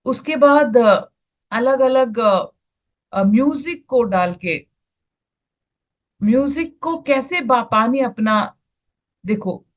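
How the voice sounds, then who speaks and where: An Indian woman, a spiritual teacher, explaining to an online group, slow and searching for words as she shares her screen. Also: sits high, expressive, lo-fi sound.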